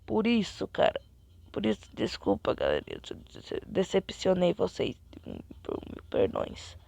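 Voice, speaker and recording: A young woman chatting excitedly to viewers as she plays a game, sometimes dropping into a whisper. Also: fairly low pitch, measured pace, creaky, dry recording. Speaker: gaming channel host. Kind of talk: casual gameplay commentary.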